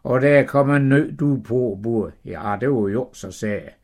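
An older man telling a Bible story in a folksy, lively way, dropping his voice on asides. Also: mid-range voice.

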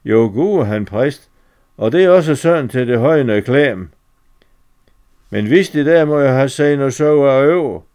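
A calm male farmer who states things plainly and without fuss. The voice is smooth and clear, close to ordinary speech, in a man's reading of a story. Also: mid-range voice, natural voice.

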